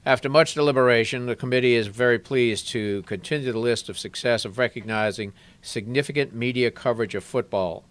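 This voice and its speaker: A man's voice: mid-range voice, a little fast, a bit bright. A man announcing awards at a press conference, reading formally from notes and stumbling now and then. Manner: reads from a script, stumbles over words.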